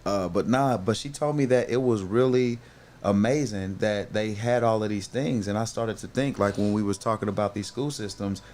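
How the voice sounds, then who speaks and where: Earnest low-voiced man hosting a podcast. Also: normal speed, darkish tone. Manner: earnest, many restarts, says "bro" often. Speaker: podcast host. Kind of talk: casual podcast conversation. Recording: faint background noise.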